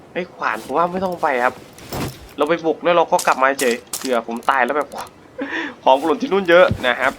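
A man hosting a gaming channel, giving casual let's-play commentary in a jumpy, excitable way as he plays. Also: mid-range voice, background noise. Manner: excitable, jumpy, talks to himself while playing.

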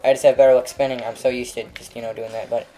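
Young guy rambling over his gameplay, jokey and self-mocking, mid pitch. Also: level tone, rapid-fire, warm tone. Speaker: gameplay commentator. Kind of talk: let's play commentary.

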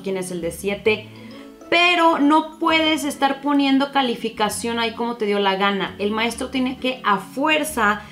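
A young adult woman, a former teacher giving parents advice in a casual vlog, telling stories and acting out the dialogue. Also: a little high. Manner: animated storytelling, acting out dialogue with children.

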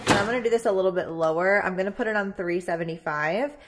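A woman talks through her meal prep in a chatty, upbeat way, thinking aloud about what she is doing. Her voice sits at an ordinary middle pitch. It bounces around a roomy, echoey kitchen with a faint hum of ambience behind it. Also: fast talker. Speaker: vlogger. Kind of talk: casual meal-prep chat. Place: home kitchen.

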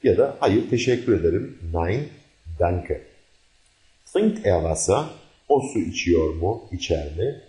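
A man's voice: deep voice, lively intonation, measured pace, dark tone, reverberant. A man teaching a recorded language lesson, a native Turkish speaker who explains carefully and repeats each example sentence.

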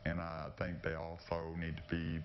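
A woman in her sixties is interviewed for a news piece, her voice electronically pitched down into a very deep disguise. She speaks in halting, earnest short sentences. The audio is muffled, with a faint hiss underneath. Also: monotone. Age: 60s. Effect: voice electronically altered lower to hide identity. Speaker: anonymous interviewee.

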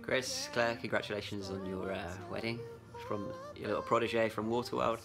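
A man's voice: on the low side, steady tone, moderate pace, creaky. A man in his thirties giving a laid-back, hesitant phone message of congratulations. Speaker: friend sending a wedding message. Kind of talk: casual selfie video message. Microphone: phone camera. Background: music.

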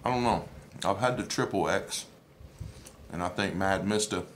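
A man's voice: low voice, moderate pace, a little hiss or hum. A man chewing with his mouth full and hiccuping as he tastes and reviews spicy jerky at home on a phone camera, rambling with lots of ums. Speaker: food reviewer vlogger. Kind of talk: casual hot food tasting review.

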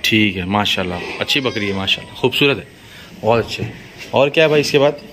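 In an open-sided livestock shed, a man hosts a casual on-camera vlog interview about livestock, asking questions and repeating the answers back to confirm them. His voice sits on the low side, brisk, expressive and fairly bright. The recording is noisy, full of farm ambience.

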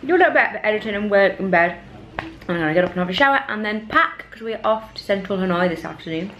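A woman in her thirties with an English accent, working as a travel vlogger, chats casually and a little meanderingly to a camera held at arm's length. Her mid-range voice is slightly bright, with lively intonation and a quick pace. The vlog audio is noisy with traffic and ambient sound.

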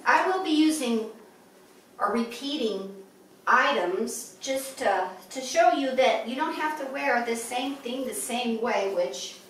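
Chatty high-voiced woman in an echoey room. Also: fairly bright tone, far from the mic, slight background noise. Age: 50s. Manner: chatty, upbeat. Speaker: fashion vlogger. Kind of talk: casual show-and-tell. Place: living room at home.

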